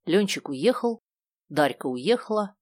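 A woman narrating a children's book in a steady, clear storytelling manner. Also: fairly low pitch, a little slow, no echo, clean studio sound. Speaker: audiobook narrator. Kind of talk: scripted narration.

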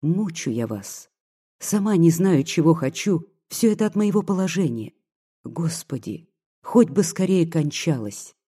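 A reader voicing a young peasant woman in an audiobook, devoted and anxious, speaking softly and pleadingly. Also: medium pitch, sing-song, unhurried, slightly rough. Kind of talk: audiobook dialogue reading.

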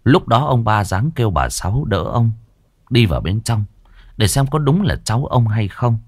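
A man narrating a ghost story in a slow, suspenseful and expressive way. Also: medium pitch, slightly rough, dry recording, clean studio sound.

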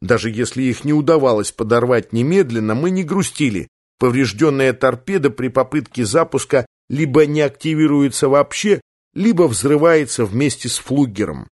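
Male audiobook narrator with a mid-pitched voice in a dry, close read. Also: animated, moderate pace, darkish tone, dry recording. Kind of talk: scripted first-person narration.

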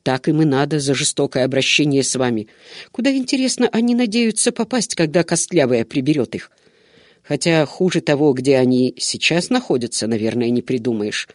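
A man voicing a young male servant who is hot-tempered, devoted and quick to tears, pleading and defiant in turn. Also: medium pitch, animated, dry recording, studio quality, lightly acted.

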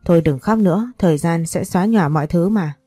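Woman doing a brash young guy, talks fast, low mellow voice. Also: breathy edge, no room sound, soft background music. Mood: gentle. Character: cocky young man, schoolboy rival.

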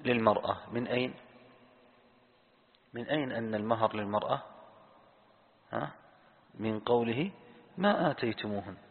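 A man teaches a lesson on Quran commentary, posing questions to the audience, answering them himself, and slowly repeating key words. His mid-range voice sounds tinny and phone-like in a reverberant hall.

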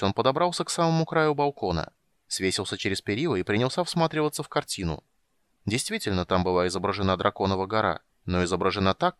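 A man narrating an audiobook in an expressive, animated reading. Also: on the low side, no echo.

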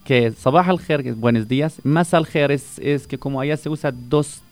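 A man from Palestine who grew up speaking Arabic talks at normal speed in a mid-range voice while soft music plays. As a teacher on a radio program, he explains greetings patiently, repeating each word to stress it.

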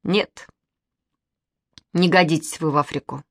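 A woman voicing a boastful boy who speaks in a slow, mock-ominous, self-important way. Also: fairly low pitch, dry recording, clean studio sound. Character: boastful boy Kostya, playing the brave explorer.

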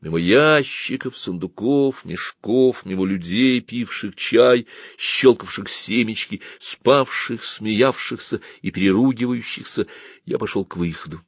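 A man narrating a story aloud in an expressive, measured reading. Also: fairly low pitch, no room sound, clean studio sound. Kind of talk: audiobook reading.

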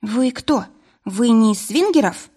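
A woman's voice: a little high, animated, a little slow, dark tone, slightly rough, pitched above the performer's own voice. Woman playing an anxious, pleading young woman. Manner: pleading, emotional. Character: anxious, impulsive young woman lost in a winter forest.

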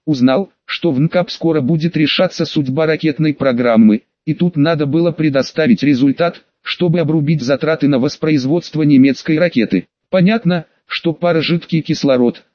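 Мужской голос чуть выше среднего, спокойное повествование от первого лица, тусклый сухой звук. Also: male voice, a little high, dry recording, muffled recording. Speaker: audiobook narrator. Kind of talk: first-person audiobook narration.

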